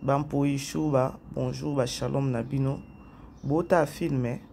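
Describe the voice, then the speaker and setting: A man's voice: mid-range voice, steady tone, unhurried, creaky, warm tone, a little hiss or hum. A man who has a head cold, hosting a chatty commentary vlog, repeating phrases and talking straight to his viewers. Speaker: YouTube channel host. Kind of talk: casual commentary vlog, mixing French and Lingala.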